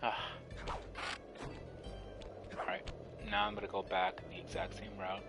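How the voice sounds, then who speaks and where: A man's voice: on the low side, completely flat delivery, measured pace. A man casually commenting to himself while playing a video game, swearing now and then. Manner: muttering to himself, swearing at times. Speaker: gameplay streamer. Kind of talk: casual let's play commentary. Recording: loud game music behind.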